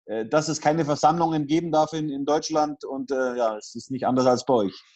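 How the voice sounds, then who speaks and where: A man's voice: fairly high pitch, fairly even intonation, a little fast, darkish tone. A man chatting casually as an interviewer.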